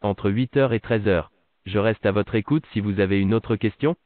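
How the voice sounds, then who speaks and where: Over a tinny, dry phone connection without echo, a fairly low synthetic male voice plays an automated customer service agent. It recites polite, formulaic prompts at a moderate pace.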